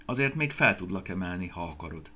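A man voicing a stiff, kindly scarecrow who speaks gently in a storybook reading. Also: sits low, lively intonation, breathy edge, exaggerated voice. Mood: gentle. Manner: gentle, soft-spoken, sometimes whispering.

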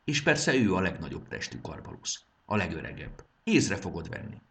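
Male narrator as young boy leader, calm, gives orders, lively low voice, storybook. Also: gravelly, heavily acted. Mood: urgent. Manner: brisk, directing.

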